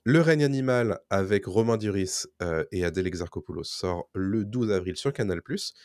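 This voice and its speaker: A man's voice: lowish voice, lively intonation, normal speed, a little mellow, dry recording, clean studio sound. A man co-hosting a casual podcast, reading out new releases and adding enthusiastic asides. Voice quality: enthusiastic, nostalgic. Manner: reads listings then riffs. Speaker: podcast co-host presenting release picks.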